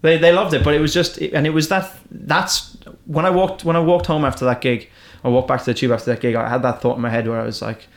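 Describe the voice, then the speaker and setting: This gravelly, mid-range voice shows little pitch movement and comes fast with few pauses. It's an Irish stand-up comedian chatting casually, rambling through stories and restarting along the way.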